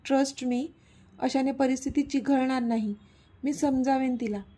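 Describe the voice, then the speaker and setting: A woman's voice: high-pitched, steady tone, takes it slowly, mellow, husky, full character voice. Woman reading as a tearful pleading young woman.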